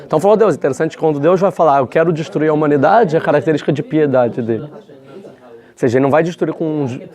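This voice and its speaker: A man's voice: on the high side, fast, dark tone. A man teaching a casual religious lesson, talking in a chatty way with frequent rhetorical questions and restarts. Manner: conversational, many fillers and restarts, rhetorical questions.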